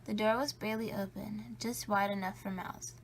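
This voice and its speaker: A woman reading a children's story aloud in a playful, spooky way, with drawn-out emphasis and a creaky edge. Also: medium pitch, fairly even intonation, a little hiss or hum. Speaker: storybook reader.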